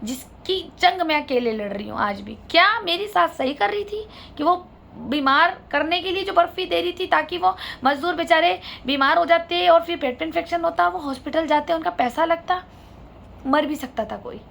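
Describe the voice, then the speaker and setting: A woman's voice: extremely high pitch, normal speed, creaky, a bit bright, a little hiss or hum. A woman vlogger telling her own family story to viewers, indignant and asking them to judge. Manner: indignant, appeals to viewers for their judgment.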